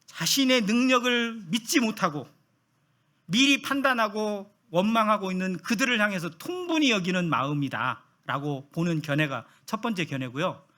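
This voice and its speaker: A man preaching a sermon. His voice is high and bright, and it swings up and down a lot. He keeps asking the listeners questions and acts out the people he quotes. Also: animated, normal speed.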